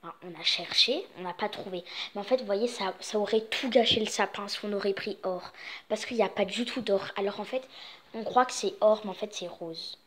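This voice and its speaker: A woman's voice: medium pitch, fairly quick. Chatty young woman vlogging at home. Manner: chatty, rambling, many fillers. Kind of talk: casual home tour vlog.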